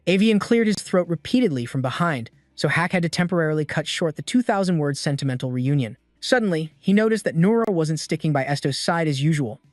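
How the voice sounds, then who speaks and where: A man reading a scripted story recap in a steady, even storytelling manner. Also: a little high, fairly quick, hardly any pauses, no room sound. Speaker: recap narrator. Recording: dry voice-over with soft music.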